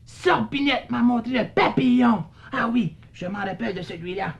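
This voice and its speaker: A woman's voice: a little high, moderate pace, gravelly, muffled recording. A woman voicing a curious, childlike little male puppet character who stammers when surprised, in a children's puppet show. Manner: playful, stammering, wonder-struck.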